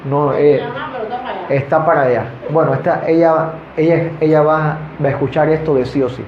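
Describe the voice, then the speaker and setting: A man's voice: a little high, fairly even intonation, normal speed, slight background noise. A male pastor preaching a sermon to a congregation in a church. He asks the listeners rhetorical questions and speaks to them directly. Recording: echoey, dull church recording.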